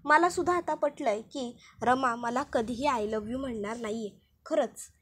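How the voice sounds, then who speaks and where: A woman voicing a young husband who speaks softly and dejectedly. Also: a little high, normal speed, breathy edge. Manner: soft, subdued.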